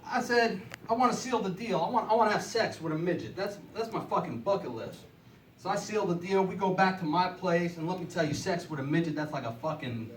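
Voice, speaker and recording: Profane male stand-up comic from New Jersey with a high voice, working a small club and caught on a distant mic. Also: a little hiss or hum. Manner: crude, profane storytelling. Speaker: stand-up comedian. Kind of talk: stand-up routine. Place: small club or coffeehouse stage. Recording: echoey room, mic heard from a distance.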